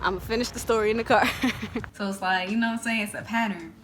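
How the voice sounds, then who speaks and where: A woman's voice: medium pitch, fairly even intonation, fast talker, a bit bright, a little hiss or hum. A young woman vlogging into a phone held at arm's length, telling a personal story in a loose, chatty way full of fillers. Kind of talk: casual storytelling to camera. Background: background music.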